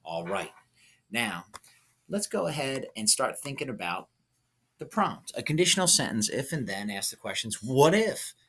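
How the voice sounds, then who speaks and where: A man with a mid-range, sing-song voice teaches at a moderate pace, thinking aloud through a writing example. He coaches step by step and slips in short check-in questions.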